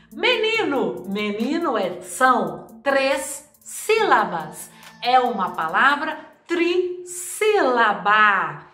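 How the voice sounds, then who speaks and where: Woman grammar teacher, high bright voice, unhurried, echoey room with faint music. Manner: didactic, repeats example words slowly to stress syllables. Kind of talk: video lesson.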